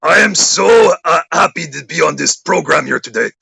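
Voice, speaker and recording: A man voicing a greedy, cookie-munching monster with a gravelly growl and broken grammar. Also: fairly high pitch, expressive, moderate pace, bright, forceful tone, pitched above the performer's own voice, full character voice. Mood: gleeful greedy.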